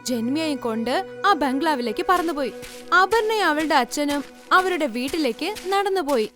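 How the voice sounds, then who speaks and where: High-voiced woman narrating a story. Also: lively intonation, moderate pace, a bit bright, faint music behind.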